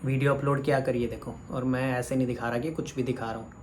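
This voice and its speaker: A man's voice: medium pitch, little pitch movement, fast, heavy background noise. Man scolding a commenter straight to camera. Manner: scolding, addresses a commenter directly. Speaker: vlogger. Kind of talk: heated direct-to-camera rant.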